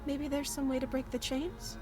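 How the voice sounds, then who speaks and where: Woman acting a high-voiced, sweet cartoon princess. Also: little pitch movement, normal speed, a little mellow, close to an everyday voice. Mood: calm, suggesting. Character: captive young princess, soft, sweet and eerily calm. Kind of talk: video game voice acting, cartoon princess manner. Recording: game music behind the voice.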